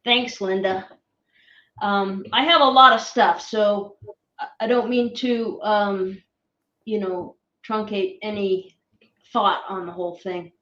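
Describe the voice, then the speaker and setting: A woman's voice: medium pitch, steady tone, slow, pushed and bright, highs cut off. Distant roomy-sounding woman on a call. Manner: hesitant, many fillers and restarts. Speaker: guest sharing orb photos. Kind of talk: casual explanatory chat.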